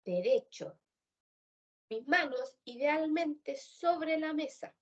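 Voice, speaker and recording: A woman's voice: high-pitched, lively intonation, slow pace. Chilean woman teaching, distant dull sound. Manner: explanatory, poses and answers own questions. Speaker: career workshop instructor. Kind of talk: instructional talk.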